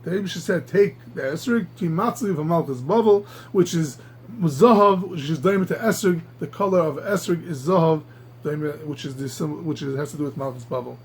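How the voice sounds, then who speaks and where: A man teaching a Talmud class, halting and repeating words, marveling aloud at the texts. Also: on the high side, breathy edge. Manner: halting, repeats words while reaching for the next; animated, marvels aloud at the text. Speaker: Torah teacher.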